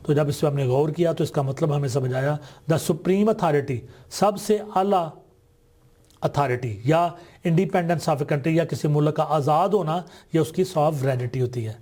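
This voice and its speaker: A man with a Pakistani accent teaching a textbook exercise, reading English sentences slowly and deliberately. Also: a little high, dark tone.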